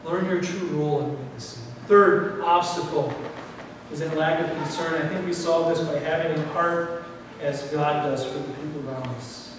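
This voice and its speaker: A middle-aged man preaching a sermon in a church, animated, acting out what people think. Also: a little high, normal speed, noisy background. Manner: animated, gesturing while preaching, acts out quoted thoughts. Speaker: pastor. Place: church sanctuary, indoors. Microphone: far camera, no mic worn. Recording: echoey hall from far off.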